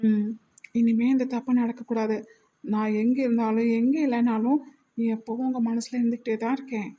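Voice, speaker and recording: A woman voicing a calm, protective young man in a cartoon, talking in a patient, gently scolding way. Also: a little high, highs cut off, natural voice. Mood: soothing, tender. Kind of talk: cartoon voice acting.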